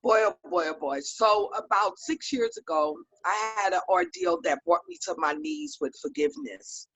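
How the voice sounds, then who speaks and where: A woman guest telling a personal story in an earnest, reflective way with pauses, on a video call. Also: mid-range voice, expressive, fairly bright tone, slightly rough, no room sound, low-quality recording. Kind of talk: personal testimony in an online talk show.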